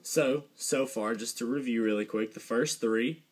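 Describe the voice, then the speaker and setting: A young man giving a casual guitar lesson, relaxed and rambling, with fillers and a dry joke now and then. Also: mid-range voice, a little slow. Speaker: guitar teacher. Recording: guitar playing behind the voice.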